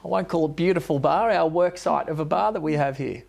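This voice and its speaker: Sitting in a bar with loud music playing, a mayoral candidate who also owns the bar answers interview questions, rambling and hesitating and restarting often. His voice is on the high side, fairly quick, and creaky.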